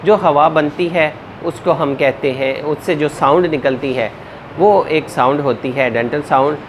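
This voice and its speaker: A man teaching a spoken English lesson, mixing Urdu and English and modeling words slowly and deliberately. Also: a little high, a little hiss or hum. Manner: mixes Urdu-Hindi with English.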